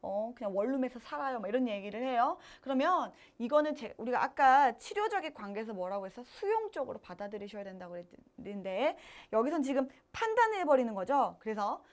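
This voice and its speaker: A woman's voice: fairly high pitch, sing-song. A woman nursing lecturer teaching an exam prep class, acting out short patient and nurse exchanges. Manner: acts out patient and nurse lines in quick role-play.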